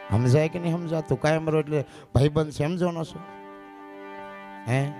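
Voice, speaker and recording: A man preaching at a village gathering, folksy and storytelling, slipping into drawn-out sung lines. His voice is high and gravelly. A faint instrument plays behind him. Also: music in the background. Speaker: bhajan singer and preacher. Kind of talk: village satsang sermon with sung verses.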